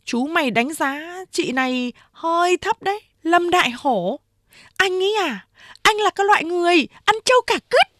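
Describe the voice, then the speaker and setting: A woman voicing a jealous, sharp-tongued young woman who scolds and mocks in a high, scornful voice. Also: expressive, moderate pace, no echo, clean studio sound.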